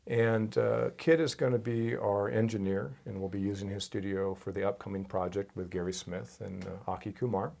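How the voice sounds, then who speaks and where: Middle-aged man with a gravelly voice. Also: fairly low pitch, moderate pace, hardly any pauses. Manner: friendly, steady questioning. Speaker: interview host. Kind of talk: casual interview. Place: home music studio, indoors.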